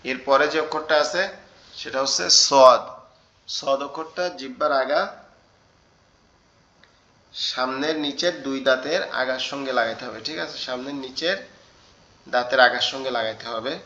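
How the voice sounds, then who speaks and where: A man leads an online class on Arabic letters, speaking in a bright, forward voice. He repeats each sound several times and keeps checking in with the students. The call audio is dull and muffled. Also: medium pitch, normal speed, pauses often. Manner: patient, repeats sounds and asks the class questions. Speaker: Quran teacher.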